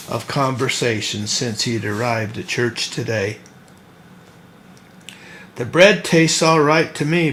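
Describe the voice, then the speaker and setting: A man, the author, reading his own novel aloud as storybook narration at an unhurried, gentle pace. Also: medium pitch, a little hiss or hum.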